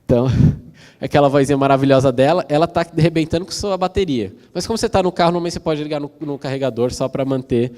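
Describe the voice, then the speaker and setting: A man's voice: on the high side, quick pace, a little mellow. Brazilian man speaking in an echoing hall. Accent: Brazilian Portuguese. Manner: explanatory, casual, frequent fillers and tag questions. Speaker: conference speaker. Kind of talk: technical conference talk. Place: large conference hall. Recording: long hall reverb.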